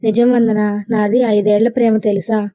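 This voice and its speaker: A woman's voice: mid-range voice, flat delivery, normal speed, mellow, natural voice. Cheeky young suitor, read by a woman. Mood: playful.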